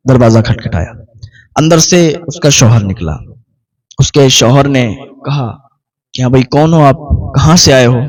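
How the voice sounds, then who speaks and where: A man giving a religious sermon in style storytelling, speaking earnestly and repeating key points for emphasis. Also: a little high. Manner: earnest, repetitive emphasis, recounts dialogue. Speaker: preacher.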